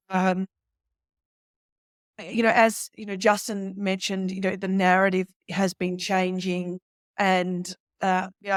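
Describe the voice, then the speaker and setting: A woman guest in an interview gives measured answers, filling her pauses with "you know." Her pitch stays flat and even, and the sound is dry and close. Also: no room sound. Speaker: investor guest. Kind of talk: interview conversation.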